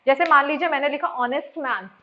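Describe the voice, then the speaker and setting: A woman's voice: high-pitched, fairly quick, slight background noise. A woman teacher explaining grammar in a lesson, repeating points and quizzing her students with questions. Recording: dull lo-fi sound.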